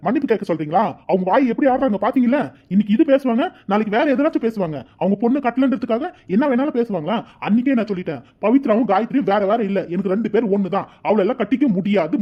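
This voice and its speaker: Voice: mid-range voice, quick pace, few pauses, slightly rough, lightly acted. Voice actor as a defiant young cartoon son. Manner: protesting, argumentative. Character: young man, defiant son standing his ground. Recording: dull lo-fi audio with faint music.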